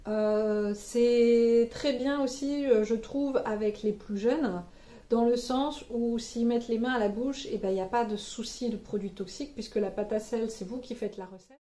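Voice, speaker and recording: A woman's voice: fairly high pitch, steady tone, moderate pace, warm tone. A woman, a mother giving casual advice in a vlog, chatty and hesitant with many fillers. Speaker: parent vlogger sharing kids' activity ideas.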